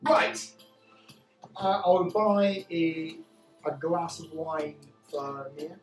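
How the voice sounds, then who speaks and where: A woman's voice: low-pitched, very slow, far from the mic. Woman player in an echoey room. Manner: casual, with hesitant fillers. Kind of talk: tabletop role-play. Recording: echoey room, off-mic, faint music.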